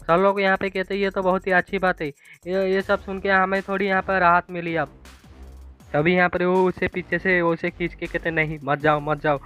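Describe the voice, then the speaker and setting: A man's voice: sits high, smooth. A man casually retelling a comic chapter as a recap narrator, rambling and constantly repeating filler phrases. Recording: dull lo-fi voice-over with faint music.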